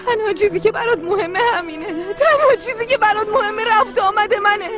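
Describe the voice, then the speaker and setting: A really high-voiced upset young daughter, crying and pushing back, music loud behind. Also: female voice. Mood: tearful. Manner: tearful, defiant outbursts. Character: distraught young woman, defiant, tearful. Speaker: daughter arguing with her mother. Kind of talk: Persian dub of a TV drama. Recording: dubbed voice over loud music.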